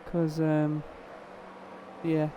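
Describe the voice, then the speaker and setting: A weary man with a fairly high voice commentates a sim race in a loose, chatty way, talking straight to drivers and viewers. His stream mic carries a clear layer of noise behind him. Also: monotone, extremely slow, warm tone. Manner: laid-back, chatty, addresses viewers and drivers directly. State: tired. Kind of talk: live sim racing commentary.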